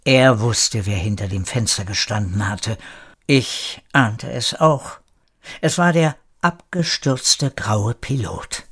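A man narrating a story in a calm, measured storytelling manner. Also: mid-range voice, gravelly, slightly rough. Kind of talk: scripted audiobook narration.

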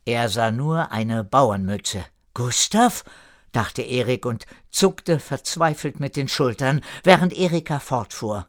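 A man reading an audiobook, narrating a story in a slow, expressive way. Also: medium pitch, no room sound, studio quality. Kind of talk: scripted narration.

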